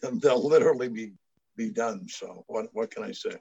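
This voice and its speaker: A man's voice: on the low side, moderate pace, vocal fry, darkish tone, slightly rough. Older man from Maine, rambling. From Maine, USA. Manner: rambling storyteller with frequent restarts. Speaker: guest. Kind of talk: casual chat. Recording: dull lo-fi dry sound.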